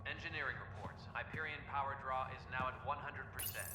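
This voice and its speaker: An actor voicing a calm male station announcer, making formal announcements over a PA system. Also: mid-range voice, loud music behind the voice. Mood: official. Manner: brisk, formal, even delivery. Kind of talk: scripted public announcements. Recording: echoey PA in a big hall, from far off, with loud noise behind.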